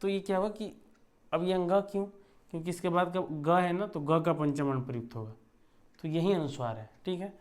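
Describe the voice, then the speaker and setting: A man's voice: high-pitched, a little fast, darkish tone. A man teaching a lesson, explaining step by step and checking in with his students as he writes. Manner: explains step by step, often asks ठीक है. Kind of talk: classroom lesson.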